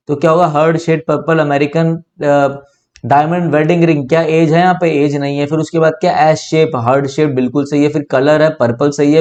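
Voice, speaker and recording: A man's voice: on the high side, a little mellow. A young man with an Indian accent teaching an online English grammar lesson, explaining step by step and asking and answering his own questions. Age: young adult.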